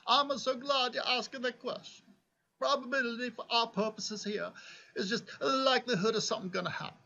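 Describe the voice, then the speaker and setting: A man's voice: very high voice, steady tone, a little fast, creaky, pushed and bright, dull audio, pitched above the performer's own voice, exaggerated voice. A man putting on a jovial old-time Italian mathematician with a fake Italian accent, playful and exaggerated.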